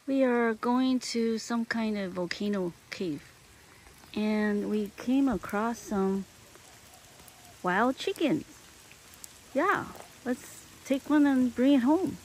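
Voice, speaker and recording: A woman's voice: a little high, darkish tone, a little hiss or hum. A middle-aged woman narrating a casual travel vlog outdoors, chatty and hesitant with many ums, recorded on a handheld camera. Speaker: travel vlogger. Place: outdoors in a rainforest and inside a lava cave.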